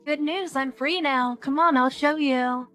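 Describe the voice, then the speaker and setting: A woman streaming a video game, reading its text aloud in an even, measured way with brief comments of her own. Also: sits high, faint music behind. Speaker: let's play streamer.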